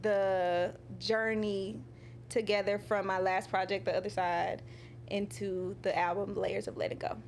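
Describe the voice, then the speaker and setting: In a relaxed interview, the singer-songwriter acts out what she said, laughs freely, and lingers on fillers such as "um" and "you know." Medium pitch, animated delivery, faint background noise.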